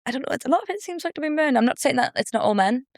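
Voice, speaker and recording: A woman's voice: high voice, lively intonation, racing, no echo, studio quality. A woman hosting a podcast, rambling playfully in casual chat, full of fillers and restarts. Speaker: podcast host.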